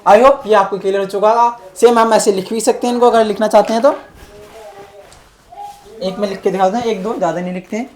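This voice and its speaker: A woman's voice: mid-range voice, steady tone, fairly quick, long pauses, a little mellow. A woman teaching a maths lesson step by step. She keeps checking whether students follow. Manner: explains step by step, often checks with "clear?". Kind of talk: classroom-style math lesson.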